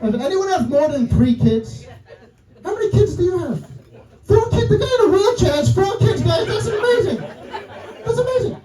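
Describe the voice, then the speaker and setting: A brash New York stand-up comedian, male, with a high, mellow voice, delivers an animated stand-up set at normal speed on a comedy club stage. He's profane and keeps asking the crowd "right?" and calling them "guys." The echoey, roomy club sound is picked up from a distance, with audience laughter in the background.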